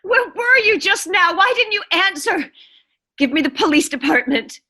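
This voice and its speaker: A woman's voice: very high voice, lively intonation, moderate pace, pushed and bright, exaggerated voice. A woman playing an anxious, demanding invalid wife in a suspense radio play, melodramatic and stammering as she pleads. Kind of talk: 1940s-style suspense radio play acting.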